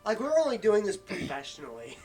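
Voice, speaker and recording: A woman co-hosting a comedic fan fiction reading, reacting with loud, profane disbelief. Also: medium pitch, huge pitch swings, fairly quick, soft background music.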